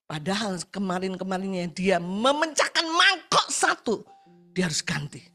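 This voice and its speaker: Animated woman preaching a sermon. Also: moderate pace, faint music behind. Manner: animated storytelling, acting out quotes in a high voice; addresses listeners as "Saudara". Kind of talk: sermon over a video call. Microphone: video call.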